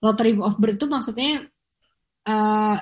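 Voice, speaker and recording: A young woman, co-hosting a podcast in casual, animated chat. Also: mid-range voice, measured pace. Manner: chatty, animated storytelling with Jakarta slang. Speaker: podcast co-host.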